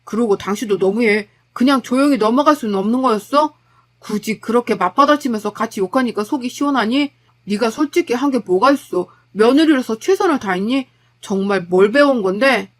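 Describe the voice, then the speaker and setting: A woman's voice: a little high, brisk, lightly acted. Woman reading a blunt exasperated husband. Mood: reproachful. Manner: blunt, reproachful arguing. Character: exasperated husband arguing with family.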